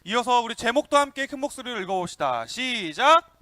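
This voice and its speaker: Lively high-voiced young man preaching to kids. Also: a little slow, dry recording. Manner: lively, calls out to kids and asks questions. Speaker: youth pastor. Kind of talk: children's sermon.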